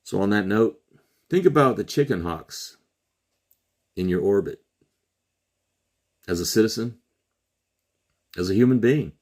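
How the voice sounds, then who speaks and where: A middle-aged man hosting a solo commentary show, urging listeners earnestly with slow, emphatic pauses. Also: fairly low pitch, expressive, darkish tone. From Trinidad and Tobago. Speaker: podcast host.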